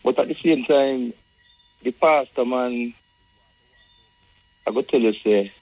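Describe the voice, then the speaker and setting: A Jamaican man calling a radio show, arguing conversationally in Rasta speech with a husky voice, repeating phrases as he builds his point. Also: mid-range voice, slow pace, darkish tone, no room sound, rough recording. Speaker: radio caller.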